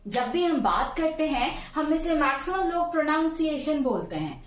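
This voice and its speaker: A woman teaching English pronunciation in Hindi and English, calling her viewers friends and repeating words slowly. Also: sits high, very animated, echoey room, recorded from a distance, low-quality recording.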